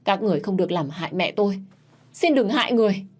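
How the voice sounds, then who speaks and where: A woman's voice: lowish voice, normal speed, a little mellow, slightly rough. A woman voicing a tortured young prince in a read-aloud story, speaking in an earnest, pleading way. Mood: desperate. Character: tortured young prince, defiant then tender.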